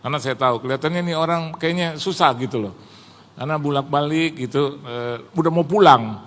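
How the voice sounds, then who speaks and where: A man's voice: a little high, a little fast. A man in his sixties preaching a sermon, telling humorous stories and acting out the voices of the people in them. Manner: storytelling, acting out quoted voices, addresses congregation as Saudara. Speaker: pastor. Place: church service.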